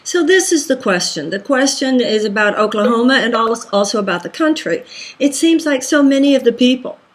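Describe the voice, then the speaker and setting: A woman's voice: fairly high pitch, lively intonation, fairly quick. A woman from Texas interviewing a political candidate, asking probing questions with conviction. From Houston, Texas.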